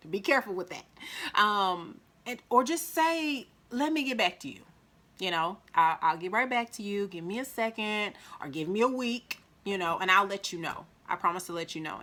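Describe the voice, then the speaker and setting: A woman with a Mississippi accent giving casual life advice to the camera, chatty, acting out quoted voices with big jumps in pitch. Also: sharp tone. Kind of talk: casual motivational talk to camera.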